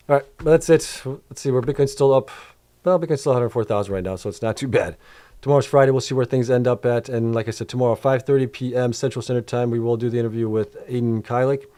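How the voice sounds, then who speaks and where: A man's voice: medium pitch, mellow. A middle-aged man hosting a casual livestream, reading out and answering chat questions in a loose, rambling way full of fillers, his voice wearing out late in the night. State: voice getting worn out.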